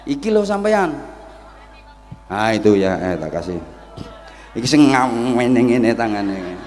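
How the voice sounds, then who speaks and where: A man's voice: mid-range voice, sing-song, takes it slowly, a little mellow, big-room sound. A middle-aged man with a Javanese accent preaching a humorous sermon at a religious gathering, theatrical and joking.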